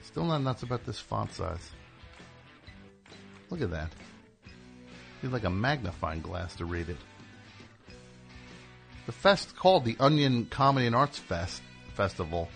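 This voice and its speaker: A man hosting a live radio show, rambling in casual chat with sudden loud yelled bursts. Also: fairly low pitch, very animated, a little slow, vocal fry, pauses often, soft background music.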